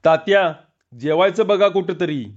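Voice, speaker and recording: Male reader as a defiant rustic carpenter: raised, louder, higher voice, lo-fi. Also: normal speed. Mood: defiant, angry. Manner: defiant, shouting. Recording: dull lo-fi recording.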